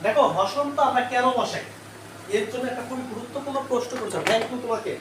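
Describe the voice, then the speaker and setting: This fast-talking male teacher, with a very high voice, leads a live online grammar lesson, quizzing students again and again and answering his own questions. He's far from the mic, so the room echoes and faint noise comes through.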